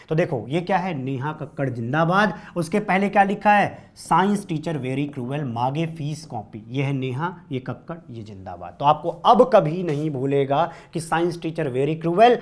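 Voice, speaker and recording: A man teaching chemistry for entrance exams, using jokey mnemonics and quizzing his students as he goes. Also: on the high side. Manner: playful, repeats and quizzes students. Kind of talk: exam-prep lecture with mnemonics.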